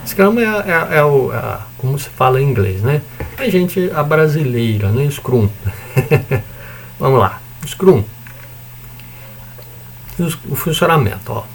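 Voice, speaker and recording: A man with a Brazilian accent teaches in a loose, conversational lecture, checking in with his listeners and tossing in mild swearing. His voice has a gravelly edge to it. A faint hiss of noise sits under the recording. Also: on the high side, big pitch swings, takes it slowly, long pauses. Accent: Brazilian Portuguese. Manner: casual, chatty explaining with frequent "né?" and "tá?"; mild swearing and joking asides. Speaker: university lecturer.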